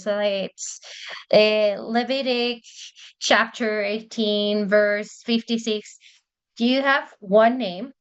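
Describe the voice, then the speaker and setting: A woman's voice: medium pitch, a bit bright, dull audio. A woman whose first language is Spanish, explaining church interpreting in casual talk, hesitant with many fillers and restarts.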